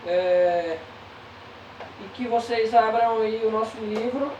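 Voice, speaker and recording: A Brazilian woman teaching a grade-school class, pausing with drawn-out fillers between phrases. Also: on the high side, far from the mic, background noise. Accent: Brazilian Portuguese. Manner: slow, hesitant, many drawn-out fillers. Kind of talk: recorded remote lesson. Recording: echoey room, voice off-mic.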